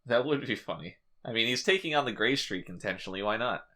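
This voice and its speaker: A man's voice: medium pitch, animated, fast talker, sharp tone. A man hosting a podcast in casual chat, joking and irreverent and swearing freely. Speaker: podcast host.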